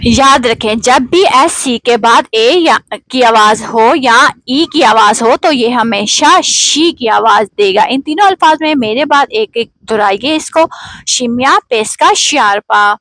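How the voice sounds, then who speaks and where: Slow, careful woman teaching pronunciation. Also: fairly high pitch, fairly bright tone, no echo, poor audio. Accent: Pakistani Urdu. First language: Urdu. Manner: slow and careful, models words for learners to repeat. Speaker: language teacher.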